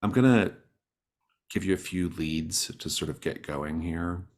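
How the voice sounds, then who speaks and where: A deep-voiced man speaks unhurriedly and casually as a game master, explaining the rules and setting to his players. He is encouraging and affirms their ideas.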